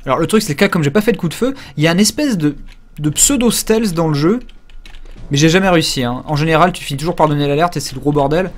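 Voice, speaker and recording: A man's voice: a little high, animated, fast. Crude, joking man streaming a game. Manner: rambling, crude and joking, many fillers. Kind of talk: casual live gameplay commentary.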